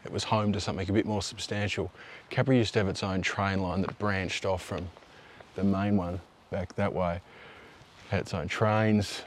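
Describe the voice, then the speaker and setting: An Australian man in his thirties, talking to camera out in the open with an easy, offhand manner. His voice sits low, and a faint outdoor hiss is heard behind him. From Tasmania, Australia. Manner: relaxed, conversational, offhand asides. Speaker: local history video host. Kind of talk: casual on-location presenting. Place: outdoors by a river and on park paths.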